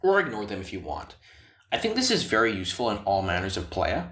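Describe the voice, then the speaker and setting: A man co-hosting a casual chat about game design, talking in an animated, rambling way. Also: fast, roomy sound. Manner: animated, rambling, bouncy pitch. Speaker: podcast co-host.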